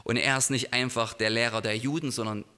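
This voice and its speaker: Male pastor, sermon, thoughtful explaining, bright tone, long church reverb. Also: medium pitch, steady tone, fairly quick, clean tone.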